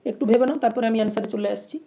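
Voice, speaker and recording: Talking very fast in a slightly high, dark-toned voice, a woman runs an exam-prep lesson. She reads multiple-choice questions and their options aloud, then works through each answer step by step while posing rhetorical questions.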